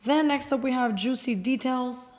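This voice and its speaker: A woman's voice: sits high, moderate pace, a little mellow. Woman, nail polish reviewer, chatty and offhand, close to the mic, sometimes whispers. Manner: chatty, swears casually, sometimes drops to a whisper. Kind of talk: casual swatching chat.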